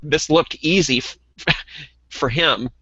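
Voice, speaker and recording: A man's voice: a little high, slow pace, bright, forceful tone, breathy edge, dry recording, muffled recording. A man co-hosting a casual podcast over a call, chatting loosely with lots of ums and restarts. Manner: conversational, many ums and restarts. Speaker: podcast co-host.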